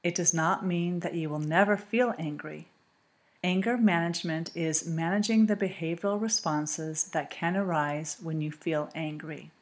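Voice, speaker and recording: A woman reading a calm, scripted guided relaxation, speaking slowly and soothingly with long pauses. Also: on the low side.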